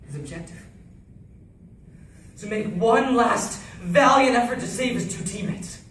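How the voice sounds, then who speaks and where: This intense, theatrical war monologue features a man in the first person as an anguished soldier describing the deaths of his comrades in combat. His very high voice is expressive and slightly bright, moving at a measured pace, recorded from afar in an echoey room with faint noise.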